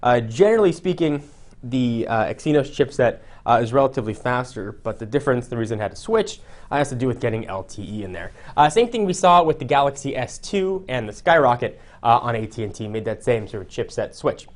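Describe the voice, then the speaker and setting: A man's voice: mid-range voice, sing-song, brisk. A young man chatting casually through a phone unboxing, jokey and full of "uh" fillers. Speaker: tech reviewer.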